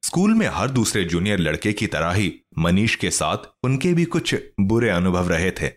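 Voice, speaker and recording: Man, low voice, lively intonation, storybook narration, expressive. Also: normal speed. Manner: expressive, scripted.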